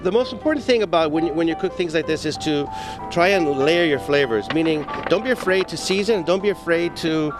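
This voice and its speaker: A man's voice: on the high side, lively intonation, fairly quick, over music. A man from Zimbabwe, an executive chef, giving a chatty, stop-start cooking demo full of fillers on an outdoor patio for morning news.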